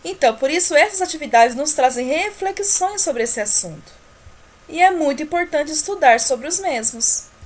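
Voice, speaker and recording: A Brazilian woman teacher with a fairly high voice runs through homework corrections for young children. She asks the class questions and answers them herself, drawing out the example words slowly so each sound is clear. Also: lively intonation. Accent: Brazilian Portuguese. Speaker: primary school teacher.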